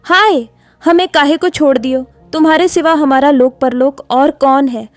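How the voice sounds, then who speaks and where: A woman's voice: high voice, moderate pace, no echo, soft background music, natural voice. A woman voicing a meek, hunchbacked village woman who speaks in rustic dialect. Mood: wailing.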